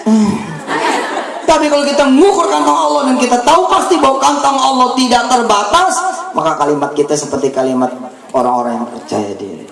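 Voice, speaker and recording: A high-voiced man preaches with a joking, storytelling energy, his pitch leaping up and down as he acts out other people's lines. The sound is roomy and echoing, with a crowd laughing along in the hall. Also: brisk, creaky. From Indonesia. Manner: animated and joking, acting out quoted voices. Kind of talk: lively sermon with storytelling. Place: large hall with a live audience. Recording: echoey hall, audience laughter.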